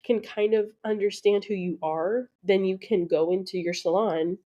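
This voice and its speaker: Her pitch is medium and her intonation fairly even as she talks at a normal speed, though the recording sounds muffled. Hosting her own beauty-coaching podcast, she's casual, encouraging, and heavy on the ums, with a touch of allergy congestion in her nasal voice.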